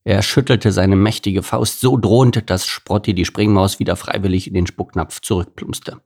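A man's voice: low voice, fairly even intonation, moderate pace, a little mellow. A man reading a children's animal story aloud as its narrator.

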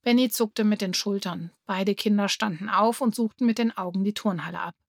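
A woman calmly narrating a children's story. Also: medium pitch, a little fast, dry recording, studio quality. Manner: calm, clear storytelling. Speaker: reader.

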